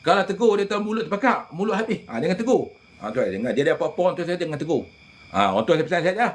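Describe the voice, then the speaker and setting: A man, a religious healer telling animated stories in casual chat, often addressing listeners directly. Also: fairly high pitch, racing.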